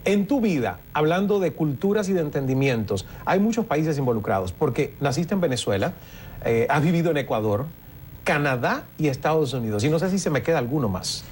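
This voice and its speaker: A man's voice: a little high, very animated, a little fast, darkish tone, slight background noise. A man hosting a television interview, asking questions and affirming his guest often. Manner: attentive, frequent affirming interjections. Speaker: interview host.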